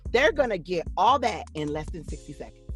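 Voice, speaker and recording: A woman voice-over actress talking about her career in an interview, animated and excitable. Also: fairly low pitch, fairly quick, soft background music. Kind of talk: casual interview talk.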